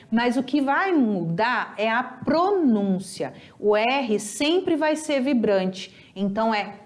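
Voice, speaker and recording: A young Brazilian woman with a Brazilian Portuguese accent, teaching a recorded lesson and drawing out words slowly to show pronunciation. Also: high voice. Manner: lively, drawn-out teacherly pronunciation drills. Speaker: Spanish teacher.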